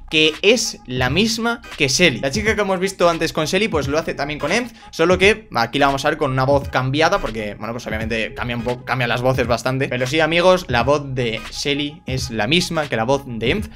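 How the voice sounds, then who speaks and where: A man with a Spain Spanish accent, hosting a casual reaction video in an excitable, chatty manner. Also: medium pitch, a little fast, few pauses, faint music behind. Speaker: YouTube host.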